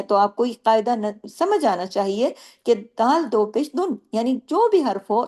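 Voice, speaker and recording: A woman's voice: on the high side, darkish tone. Woman teaching Quran recitation rules. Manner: explains rules step by step, asking and answering her own questions; recites Arabic words slowly and drawn out between explanations. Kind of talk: tajweed lesson with recitation.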